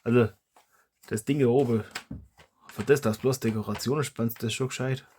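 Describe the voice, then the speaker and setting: A man's voice: mid-range voice, steady tone, moderate pace, very noisy. A man, a hobby YouTuber chatting casually as he reviews toy blasters, rambling and correcting himself aloud.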